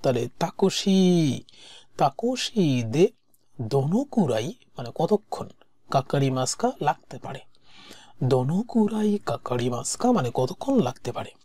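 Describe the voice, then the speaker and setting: A woman teaching a language-exam lesson, saying each word slowly and repeating it before she explains it. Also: extremely low pitch, very animated, mellow, breathy edge, dry recording.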